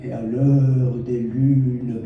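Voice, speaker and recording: A man, a poet, reciting his poems with slow, lyrical phrasing and dramatic pauses, and telling the story behind them. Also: mid-range voice, flat delivery, lo-fi sound, faint music behind. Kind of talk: poetry recitation with spoken story. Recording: echoey hall from far off.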